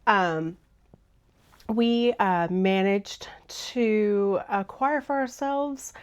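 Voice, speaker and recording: A woman hosting a knitting vlog in a chatty, rambling way, her voice hoarse and froggy. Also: mid-range voice, extremely slow. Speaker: knitting vlogger. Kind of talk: casual vlog chat.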